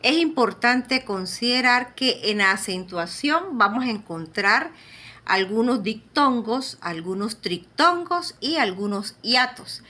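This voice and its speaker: A woman's voice: on the high side, lively intonation, slow, bright, forceful tone. A woman teacher giving a recorded lecture, explaining step by step in a patient way and often checking in with the listeners.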